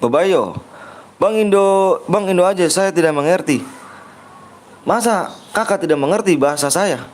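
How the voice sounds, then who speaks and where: Hosting a gaming livestream in a slightly raised, high-pitched voice, this young man jokes around playfully and reads the chat out loud. He repeatedly nudges viewers to like and subscribe, speaking at normal speed with lively intonation, casual phrasing and long pauses.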